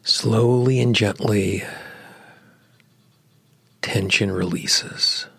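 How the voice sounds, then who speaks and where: A man with a gravelly, husky, slightly low voice leads a guided relaxation, drawing out every phrase very slowly and softly. Now and then he drops into a near whisper. The recording is dry and close. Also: fairly even intonation, no echo. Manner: slow, soothing, drawn-out phrasing with long pauses. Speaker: meditation guide.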